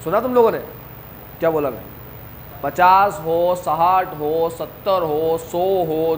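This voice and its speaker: High-voiced male coaching teacher. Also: a little hiss or hum. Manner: talks straight to students, asks questions and answers them himself. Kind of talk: classroom lecture.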